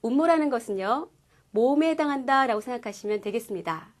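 A woman teaching a language class, explaining pronunciation clearly and patiently. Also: fairly high pitch, expressive, quick pace. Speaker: Korean-speaking Chinese language teacher. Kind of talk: scripted lesson presentation.

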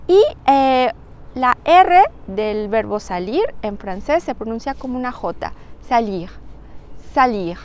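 Slow, careful woman teaching French. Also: fairly high pitch, expressive, darkish tone, clear, resonant tone. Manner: slow, careful, spells words out letter by letter. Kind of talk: language lesson.

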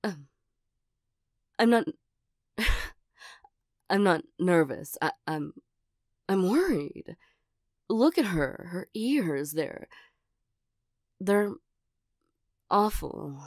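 A woman playing a flustered, nervous cat creature in a soft-spoken ASMR role-play, speaking hesitantly with stammers. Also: lowish voice, dry recording, clean studio sound. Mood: fussing.

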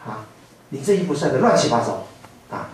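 A man's voice: mid-range voice, big pitch swings, fairly quick, pitched below the performer's own voice, close to an everyday voice. A man voicing a fussy, rigid military husband who scolds shrilly. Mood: scolding. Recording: echoey hall from far off.

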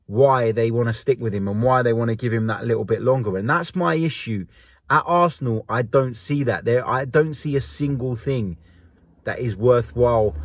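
A man's voice: lowish voice, no echo. Blunt, frustrated young man in a car. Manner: frustrated, blunt, rapid opinion rant. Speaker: host. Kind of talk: post-match video reaction. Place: dark car at night.

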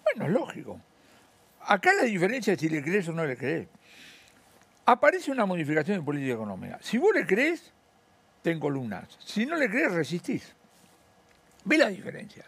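A man's voice: fairly high pitch, huge pitch swings, brisk, breathy edge, no room sound. An older Argentine man, an economist being interviewed, talking bluntly and animatedly, acting out the voices of the people he quotes. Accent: Argentine Spanish. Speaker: economist guest. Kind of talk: casual interview talk.

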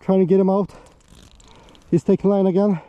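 Breathless excited man ice fishing. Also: sits high, normal speed, dry recording, lo-fi sound. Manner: excitable, breathless, talks to viewers as guys. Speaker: fishing vlogger. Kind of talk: excited live commentary while ice fishing. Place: outdoors on a frozen lake.

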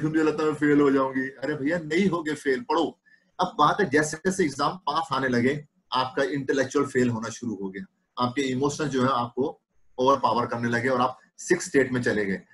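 A man's voice: medium pitch, fairly bright tone, poor audio. A man who is a homeopathy doctor and teacher, giving a clinical lecture and explaining his points through patient cases and acted-out dialogues.

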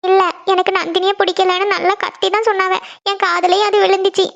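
Woman doing a heartbroken cartoon girl, very high, halting, hopeless. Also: level tone, vocal fry, a bit bright, muffled recording, exaggerated voice. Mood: sad. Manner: halting, self-pitying. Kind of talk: cartoon voice acting.

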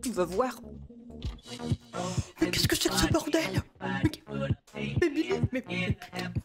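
A woman's voice: sits high, wildly swooping pitch, unhurried, over loud music, heavily acted. A woman playing an exasperated mother who scolds her unruly little son in a comic game role-play, full of tag questions and mild swearing. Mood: exasperated, scolding. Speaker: gaming video creator.

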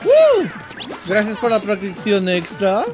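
A Mexican man keeps up animated let's play commentary, swinging his voice widely as he jokes and teases himself. Playful shouts break through his talk. Game music runs underneath. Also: very high voice, moderate pace. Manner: joking, teasing self-talk with playful shouts. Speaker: gaming channel host.

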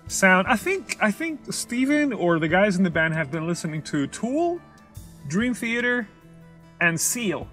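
A young man with a high-pitched voice reacts to music in a car, speaking English as a second language. He is casual and expressive, often pausing to hunt for the English word, with faint music in the recording. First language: not English. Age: young adult. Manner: halting, searching for English words mid-thought; expressive, sings out rhythms in syllables. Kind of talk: casual off-the-cuff music commentary. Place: inside a parked car in daylight.

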